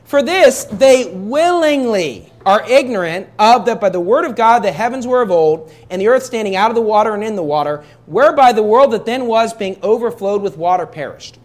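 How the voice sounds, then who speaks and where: A man's voice: high voice, lively intonation, moderate pace, hardly any pauses. A young adult pastor preaching a sermon in a church, talking conversationally and asking his listeners rhetorical questions.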